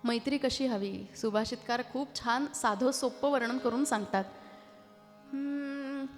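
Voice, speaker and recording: Marathi woman kirtan preacher, high voice. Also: moderate pace. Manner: lively, teasing, asks the audience to answer back. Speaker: kirtan performer. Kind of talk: devotional kirtan discourse with sung verses. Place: temple hall. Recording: reverberant hall with faint music.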